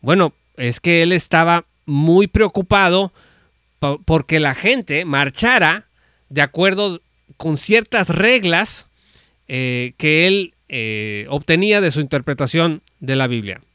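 A high-pitched man teaching the Bible in a relaxed, conversational preaching style, pausing on fillers and restarting his words. His voice is clear and smooth, recorded close and dry with no room echo. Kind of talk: informal teaching talk on an audio space.

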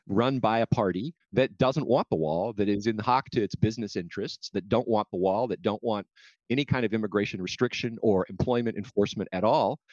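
In a political debate, an American guest with a medium-pitched voice argues combatively, halting and restarting as he answers back. There's no echo, though the sound is somewhat dull and lo-fi.

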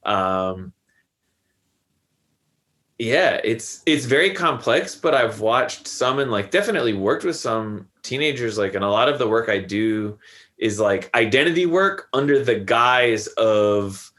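A man's voice: medium pitch, animated, unhurried, fairly bright tone. A man in his thirties, a podcast guest, talking reflectively in a loose, rambling way full of fillers. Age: 30s. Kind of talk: casual conversation.

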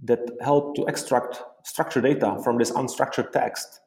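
A man from the Czech Republic speaks with a Czech accent, explaining technical ideas at a steady, mid-range pitch. He leans on "you know" and "uh" as he talks. The recording sounds roomy, with a noticeable echo around him. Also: moderate pace, gravelly. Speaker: guest, software company co-founder. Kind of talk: interview answers.

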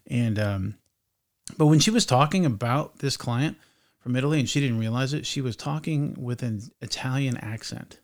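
A male podcast host with a voice sitting right in the middle of the typical male range. He talks in an easygoing, rambling way, circling back on his thoughts and restarting sentences as he goes. It is relaxed, conversational chat about everyday life. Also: mid-range voice, normal speed. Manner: rambling and chatty, with frequent restarts.

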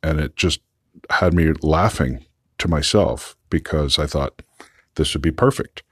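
Very deep-voiced man, friendly and appreciative. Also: a little slow, a bit bright, husky, dry recording, clean studio sound. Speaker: listener leaving a voice message. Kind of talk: recorded voice message.

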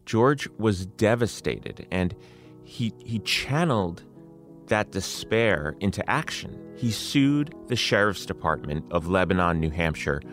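A male podcast host telling a story in measured, scripted narration. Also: sits low, a bit bright.

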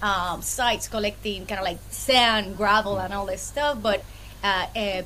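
A Puerto Rican woman with a Puerto Rican accent chats casually as a guest on a podcast, where she's interviewed as the owner of a freight brokerage. Her medium-pitched voice is a bit slow and sharp-toned, with slight background noise.

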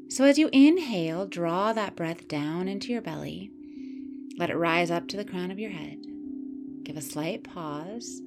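A woman with a low-set voice leads a yoga class through breath and movement. She speaks in a calm, soothing, gently coaching manner. Instrumental music plays clearly beneath her words. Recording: clear music playing behind the voice. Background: soft instrumental music.

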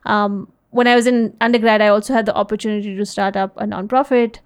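A woman in her thirties, raised in India and the US, answering interview questions in a relaxed, thoughtful way with many fillers and restarts. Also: medium pitch, fast talker, clean tone. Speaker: interview guest, social enterprise CEO. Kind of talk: casual interview conversation.

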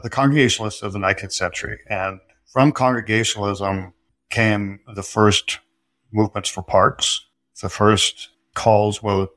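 A man guest on a talk podcast, explaining history in a thoughtful, unhurried way with some hesitations and dry humor. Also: lowish voice, steady tone, fairly bright tone, no echo. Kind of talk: conversational interview answers.

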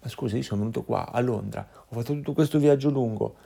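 A man telling his child a story from his own life, acting out sounds and voices with lively energy. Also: mid-range voice, quick pace, creaky, slightly rough. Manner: animated, acts out voices and sounds.

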